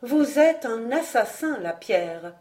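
A woman reading aloud, voicing a proud, indignant young noblewoman with an accusing, high-strung manner. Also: very animated, takes it slowly, a little mellow.

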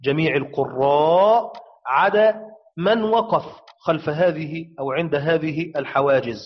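A man teaching a lesson on the variant readings of the Quran, explaining step by step, asking and answering his own questions and chanting verse examples slowly. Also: fairly high pitch, lo-fi sound.

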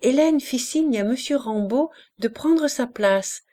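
A woman narrating a classic novel as an audiobook with a measured, expressive reading. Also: high voice. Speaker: audiobook reader. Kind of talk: scripted literary narration.

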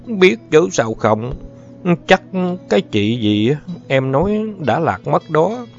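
A man voicing a shy young boy in a storybook reading, who answers hesitantly and quietly. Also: medium pitch, very animated, slow, creaky, voice pushed up, full character voice. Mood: timid. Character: shy young boy, timid and soft-spoken. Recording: dull lo-fi with faint music.

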